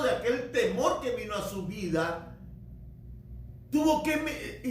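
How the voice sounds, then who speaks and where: A male preacher giving an animated sermon, often calling his listeners brother. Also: very high voice, a little hiss or hum. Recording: very echoey hall, voice from far off, faint background.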